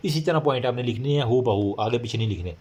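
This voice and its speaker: A man giving a casual recorded lecture, reading English points slowly and explaining them in chatty Hindi-with many fillers. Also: medium pitch, animated, a little mellow.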